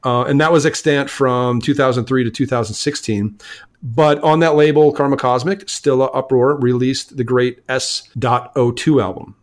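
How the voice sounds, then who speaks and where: A man's voice: medium pitch, fairly even intonation, normal speed. A man co-hosting a casual music podcast, talking with enthusiasm, often stammering and restarting his sentences. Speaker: podcast co-host.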